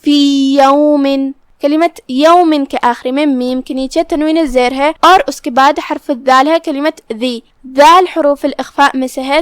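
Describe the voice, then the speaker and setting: A high-pitched woman gives a patient, methodical lesson on Quran recitation and breaks each word down letter by letter. She recites the verses slowly and carefully. The sound is close and dry, with no room around her. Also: no echo. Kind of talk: tajweed lesson with slow recitation.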